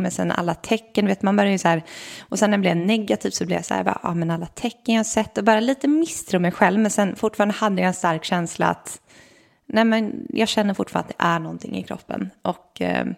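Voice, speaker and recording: A young woman telling a personal story in a casual, animated way and acting out what people said. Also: medium pitch, vocal fry. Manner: animated storyteller, acts out quotes. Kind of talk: casual chat.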